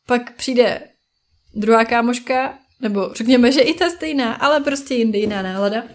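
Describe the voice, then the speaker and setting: A woman in her thirties, a parenting podcast host, talking in a chatty, casual way and briefly acting out friends and children. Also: on the high side. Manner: chatty, acts out friends and children in quick asides. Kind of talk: casual solo talk.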